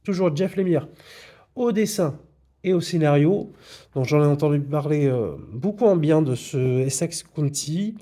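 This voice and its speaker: A man's voice: on the high side, measured pace, warm tone. A man presenting his comic book purchases in a casual video, with frequent hesitations. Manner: hesitant, many fillers. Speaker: comics vlogger.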